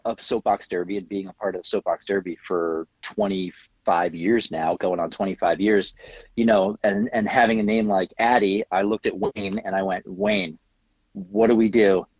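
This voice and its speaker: Husky middle-aged man telling a story. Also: lowish voice, normal speed, no echo, dull audio. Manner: animated storyteller, laughs often, acts out quotes. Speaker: guest, tattoo artist. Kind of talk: casual interview storytelling.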